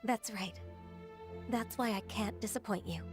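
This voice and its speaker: An actress voicing a gentle, dutiful secretary who speaks softly and earnestly. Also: female voice, medium pitch, measured pace, music in the background, close to an everyday voice. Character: gentle, dutiful young-seeming woman secretary, centuries old. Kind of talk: video game voice acting.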